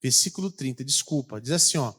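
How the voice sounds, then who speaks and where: A man with a Brazilian Portuguese accent preaching a lively sermon, asking his congregation questions as he goes. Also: mid-range voice, brisk, slightly rough. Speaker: pastor.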